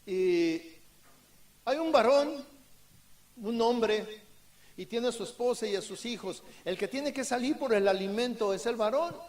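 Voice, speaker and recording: A middle-aged male pastor, his voice strikingly high for a man. He preaches in storytelling fashion, slipping into the voices of the people in his tale. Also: expressive, a little slow, long pauses, a little mellow. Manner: storytelling, acting out dialogue. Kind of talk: sermon.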